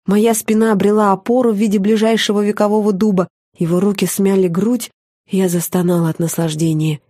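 A woman reading a first-person audiobook on a close studio mic, intimate and expressive, often softening to a hush. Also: mid-range voice, a little fast, no echo. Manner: intimate and expressive, dropping to a soft hush in tender moments. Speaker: audiobook narrator.

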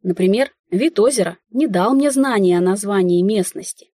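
A woman narrating a first-person audiobook in a wry, lively inner-monologue manner. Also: mid-range voice, moderate pace, breathy edge, no echo, studio quality.

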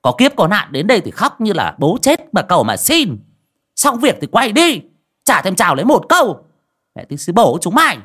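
A man voicing a greedy, foul-mouthed old female village shaman, sharp and scolding. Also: fairly high pitch, sing-song, normal speed, long pauses, pitched above the performer's own voice. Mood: scornful. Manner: sharp, scolding, curses freely.

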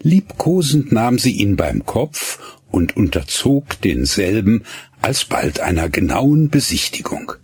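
A man narrating a radio story slowly and expressively, voicing the dialogue as he goes. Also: on the low side, very animated, slightly rough, dry recording, clean studio sound.

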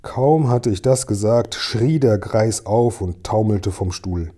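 A man narrating a children's story as an audiobook in a calm, measured way. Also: fairly low pitch. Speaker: audiobook reader.

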